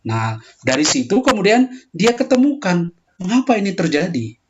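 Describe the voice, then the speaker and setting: A man lecturing calmly in a pastoral theology talk, answering a question, and lifting his voice when he acts out quoted prayers. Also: sits high, moderate pace, dull audio, slight background noise. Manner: explains calmly, voicing heated quoted prayers more loudly.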